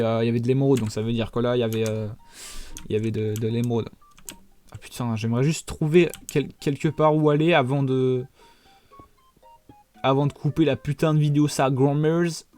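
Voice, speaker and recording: A young man in his twenties talks through a game in a loose, rambling way, his voice sitting a little high. He swears often and speaks directly to his viewers. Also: a little mellow. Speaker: gaming YouTuber. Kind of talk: casual gameplay commentary.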